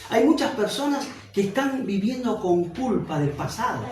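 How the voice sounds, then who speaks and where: Argentine male pastor, higher voice, preaching a Bible study, roomy distant sound. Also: sing-song. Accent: Argentine Spanish. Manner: preaching, slows and swells on key phrases.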